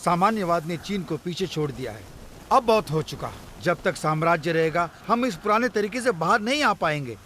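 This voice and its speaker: An idealistic young revolutionary in a film dub. His voice is high and lively, and he speaks with firm conviction. The tone stays bright and clear. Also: moderate pace, a little hiss or hum. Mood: earnest. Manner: earnest, convinced.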